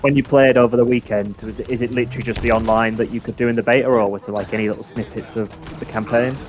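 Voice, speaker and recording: A man's voice: mid-range voice, fairly even intonation, quick pace, noisy background. A man co-hosting a casual live games show, asking short, curious questions. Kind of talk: casual live-stream chat.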